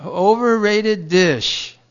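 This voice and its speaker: A middle-aged male chef from Japan answers interview questions and keeps restarting his sentences, padding them with fillers. His voice sits slightly high, and the recording sounds dull and lo-fi. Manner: rambling, halting, many fillers and restarts. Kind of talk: radio interview guest.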